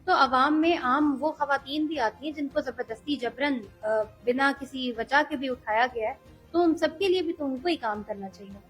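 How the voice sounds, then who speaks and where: A young woman speaking earnestly as an interview guest, measured and hesitant at times. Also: high-pitched, soft background music, poor audio. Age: young adult. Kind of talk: political interview.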